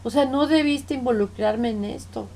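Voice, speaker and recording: Woman playing a hurt middle-aged daughter confronting her parents; pleading, reproachful, voice sits a bit high. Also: moderate pace, vocal fry, warm tone, a little hiss or hum. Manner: pleading, reproachful, repeats "mamá".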